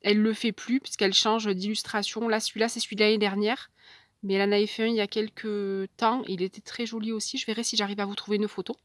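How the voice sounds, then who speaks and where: A woman vlogger chatting casually as she unboxes a parcel, soft and hesitant, with many fillers. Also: medium pitch, flat delivery, fast, no echo, clean studio sound.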